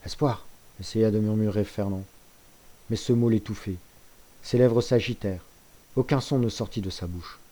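A man narrating a classic novel as an audiobook reader in a measured, steady way. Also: lowish voice.

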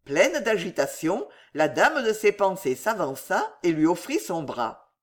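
An audiobook narrator reads a classic novel unhurriedly. The delivery is measured, with a lively, wide-ranging melody. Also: mid-range voice. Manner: expressive, measured reading.

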